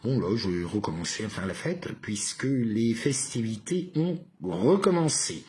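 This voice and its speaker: A man's voice: lowish voice, expressive, a little slow, darkish tone. A man vlogging to his followers in a rambling, casual monologue full of fillers. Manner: repeats a phrase with shifting emotions, rambling with many fillers.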